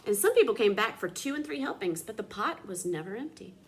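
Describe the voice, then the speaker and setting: A woman reading a children's storybook aloud in an expressive, dramatic teacher's manner. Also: medium pitch, brisk.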